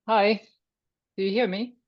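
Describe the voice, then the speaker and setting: A woman from Finland, a filmmaker guest introducing herself haltingly over a video call, with soft laughs between phrases. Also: mid-range voice, dull audio.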